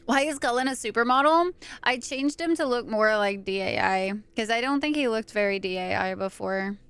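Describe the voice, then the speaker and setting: A woman's voice: on the high side, normal speed, fairly bright tone, clear, resonant tone. A young woman live-streaming a game, chatting casually and playfully, swearing now and then, close on the mic. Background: faint game music.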